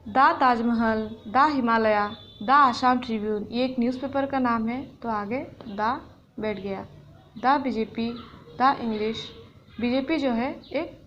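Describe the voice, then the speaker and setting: A woman teaching an English grammar lesson, explaining patiently and reading English example sentences slowly. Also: fairly high pitch, a bit bright, highs cut off, a little hiss or hum.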